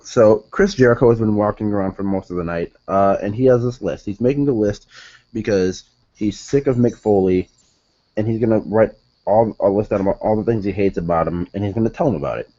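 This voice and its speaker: A man's voice: lowish voice, a little fast, warm tone, dull audio. A young man reviewing a wrestling show in casual solo talk, rambling, correcting himself and sounding exasperated.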